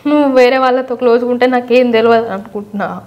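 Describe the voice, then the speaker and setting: A woman's voice: on the high side, steady tone, fast talker, muffled recording. Hurt, pleading woman. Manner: hurt, accusing and pleading, often dropping to a hushed voice. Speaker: vlogger playing a prank. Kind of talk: staged prank argument.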